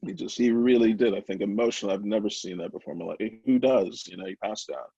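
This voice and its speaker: A middle-aged man with a low, husky, gravelly voice shares a personal story in a candid, rambling way. He keeps breaking into the voices of the people he quotes. The recording is dry and close but a little dull and lo-fi. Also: fast talker, dry recording. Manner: candid, rambling, animated quoting of others. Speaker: podcast guest, brownie company founder. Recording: slightly dull, lo-fi remote audio.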